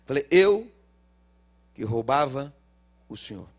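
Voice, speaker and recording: A middle-aged male pastor with a Minas Gerais accent, preaching a sermon and acting out the dialogue of a story, swinging between loud cries and low murmurs. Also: very animated, takes it slowly. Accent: Brazilian Portuguese, Minas Gerais. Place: church.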